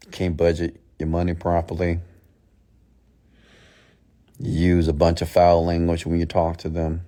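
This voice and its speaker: Very deep-voiced man, blunt motivational speaker. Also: monotone, measured pace, mellow. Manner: blunt, scolding; emphatic, repeats phrases and poses rhetorical questions. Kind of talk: motivational mindset talk, preaching to an audience.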